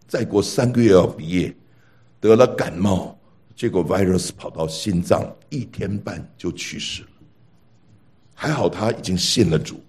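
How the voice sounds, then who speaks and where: A man preaching a sermon through a personal story, with an animated delivery, rhetorical questions and stammered restarts. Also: fairly low pitch, husky.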